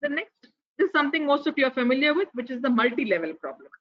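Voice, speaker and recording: A woman's voice: high voice, very animated, fast talker, highs cut off. A woman with an Indian English accent giving an online pathology lecture, explaining cases and posing rhetorical questions. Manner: explanatory, poses rhetorical questions, some restarts.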